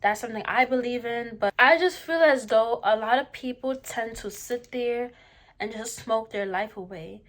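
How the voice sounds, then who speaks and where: Mid-mukbang, a young woman vlogging to her viewers rants casually about her opinions, using slang and repeating lines for emphasis. She speaks at a moderate pace in a voice on the high side with a fairly bright tone.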